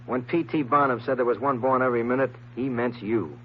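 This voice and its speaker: Here a mid-range American male voice, natural and a little fast, delivers slangy, sardonic lines as a cynical, wisecracking private eye. It's old-time radio detective acting and narration, heard through a dull vintage recording with music and slight hiss or hum.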